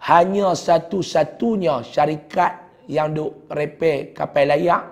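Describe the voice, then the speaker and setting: A middle-aged man with a Kedah Malay accent, a religious teacher telling a heartfelt personal story in a sermon, often sinking to a hushed voice. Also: fairly high pitch, slow, vocal fry. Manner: heartfelt storytelling, dropping to a hushed voice at sad moments.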